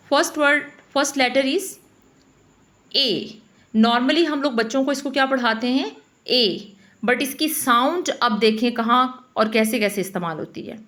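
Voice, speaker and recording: A woman teaching phonics to other teachers, slowly explaining and repeating each letter sound aloud. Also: a little high, fairly bright tone.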